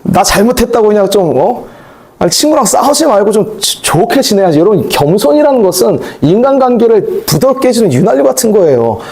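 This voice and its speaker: A male pastor preaching a sermon in a conversational, animated way, with asides and acted-out quotes. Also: high voice, fairly quick.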